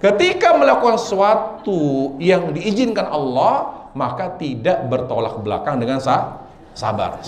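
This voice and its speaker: A man preaching a sermon to a live audience, animated and questioning his listeners. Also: high-pitched. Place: lecture hall with audience. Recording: echoey hall.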